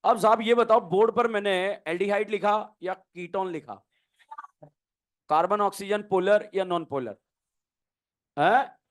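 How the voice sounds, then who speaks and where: High-voiced chemistry teacher quizzing. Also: male voice, measured pace, pauses often. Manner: quizzing students, answering his own questions; joking, playful teasing. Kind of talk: classroom lecture.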